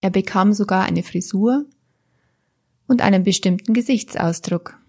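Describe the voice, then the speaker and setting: A woman coach speaking to the listener in a calm, gentle way, guiding them through their thoughts step by step. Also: mid-range voice, moderate pace. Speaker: therapist or coach. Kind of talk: slow, guiding talk to the listener.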